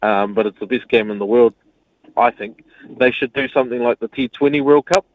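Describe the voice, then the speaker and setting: A man's voice: mid-range voice, brisk, no echo. A man calling in to a radio show over the phone, chatting freely and calling the host mate. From New Zealand. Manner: chatty, says mate often. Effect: heard over the phone line. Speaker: radio caller. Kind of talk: casual call-in chat. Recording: tinny phone line on radio.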